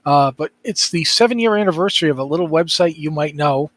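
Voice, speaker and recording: A man's voice: fairly high pitch, expressive, quick pace, fairly bright tone, no room sound. A man hosting a casual podcast, rambling and interrupting himself with a wry streak. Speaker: podcast host.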